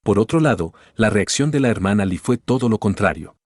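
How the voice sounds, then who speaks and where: A man narrating a light novel as an audiobook, in a steady, even reading. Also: lowish voice, brisk, dry recording, studio quality.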